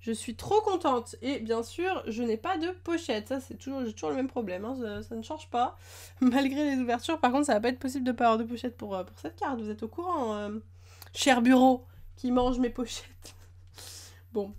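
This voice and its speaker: A woman's voice: fairly high pitch, moderate pace, a little mellow. A woman chatting casually at her desk as she unboxes trading cards, gushing over the cute ones. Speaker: card-opening YouTuber. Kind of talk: casual chat while unboxing.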